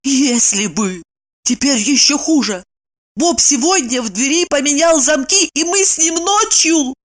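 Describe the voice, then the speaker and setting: A woman's voice: sits high, lively intonation, pitched above the performer's own voice. A woman reading an audiobook, voicing a blunt, touchy woman of about thirty. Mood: conspiratorial. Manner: blunt, quick to take offence.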